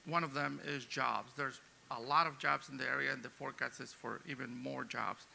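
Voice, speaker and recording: A man's voice: mid-range voice, fairly even intonation, normal speed, creaky, sharp tone, a little hiss or hum. A man, an economics professor, giving a conference talk off the cuff, with frequent "uh" and "um" fillers. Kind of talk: conference presentation.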